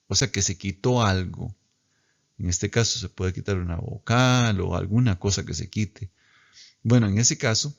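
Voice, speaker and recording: A man teaching a class in a slow, patient way, repeating words for students to copy. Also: fairly low pitch, lo-fi sound. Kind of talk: recorded lecture.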